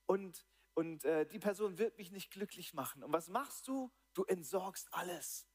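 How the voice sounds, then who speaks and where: A man preaching a sermon in German, animated, swinging between excited highs and quiet, low lines. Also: unhurried, breathy edge. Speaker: pastor. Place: church hall.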